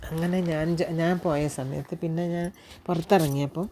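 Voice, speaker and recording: An older woman with a low-pitched voice tells a personal story to her listeners. She sounds unwell and clears her throat now and then. Her talk is chatty and friendly, and there is a faint hum of noise behind her. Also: fairly even intonation, normal speed. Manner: chatty, addresses listeners warmly with tag words. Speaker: vlogger. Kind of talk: casual spoken storytelling.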